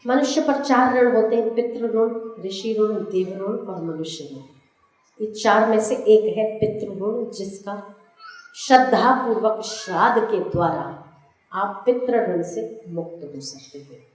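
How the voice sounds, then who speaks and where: Slow, didactic woman, very echoey hall. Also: medium pitch, darkish tone. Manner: slow, didactic, repeating lists for note-taking. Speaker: spiritual teacher. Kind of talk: religious discourse to an audience.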